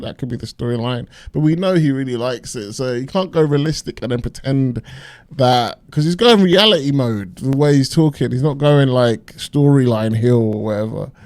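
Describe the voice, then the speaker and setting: A man's voice: medium pitch, darkish tone, no echo. A man giving casual, off-the-cuff reaction commentary, slangy and musing aloud as he goes.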